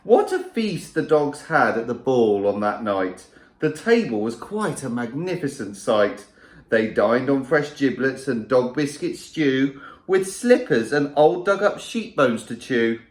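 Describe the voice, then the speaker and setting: A male primary school teacher reads a rhyming picture book aloud to children, playful and lively in manner. His pitch is medium, his pace measured, and the sound reverberates.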